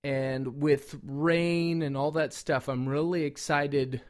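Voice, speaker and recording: Casual man with a higher-pitched voice. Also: fairly even intonation, slow pace. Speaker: product reviewer and call maker. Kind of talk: casual product review talk.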